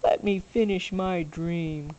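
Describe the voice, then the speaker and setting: An older woman voicing a young, dawdling storybook alligator full of reluctant excuses, in a creaky voice. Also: lowish voice, slow, mellow, highs cut off, pitched below the performer's own voice. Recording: noisy home video recording.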